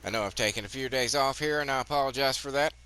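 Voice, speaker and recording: A man's voice: medium pitch, quick pace, bright, forceful tone, slight background noise. A man in his fifties hosting his gaming channel, rambling profanely in casual commentary, his voice a bit muffled by a cigarette. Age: 50s. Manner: rambling, profane, chatty asides.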